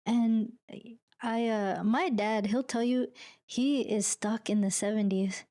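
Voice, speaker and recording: A woman's voice: fairly high pitch, fairly even intonation, slow, mellow, no room sound, clean studio sound. A woman hosting a podcast interview, friendly and upbeat, introducing and questioning her guest. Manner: friendly, upbeat, laughs often. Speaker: podcast host.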